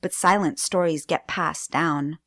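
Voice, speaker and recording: A woman guest performing spoken-word poetry on radio, with slow, deliberate delivery and dramatic pauses. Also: deep voice, fairly even intonation, a bit bright, no echo, clean studio sound. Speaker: guest poet.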